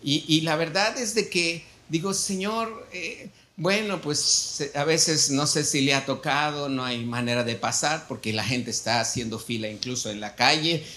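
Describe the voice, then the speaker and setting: A man with a Mexican Spanish accent, a pastor telling an animated story in a sermon and acting out the dialogue. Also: fairly high pitch, normal speed, few pauses. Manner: storytelling, animated, acts out dialogue with shifting volume.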